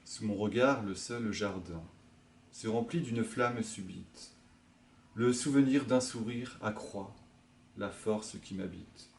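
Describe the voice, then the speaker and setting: A male librarian reading a poem aloud in a quiet, hushed, measured way. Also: lowish voice, creaky, a little hiss or hum. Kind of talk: poetry reading.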